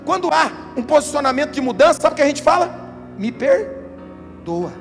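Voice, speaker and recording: A man's voice: very high-pitched, fast, creaky, a bit bright. A male pastor, preaching an emphatic sermon at a church service, asking rhetorical questions and acting out quotes. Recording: reverberant church hall with music behind.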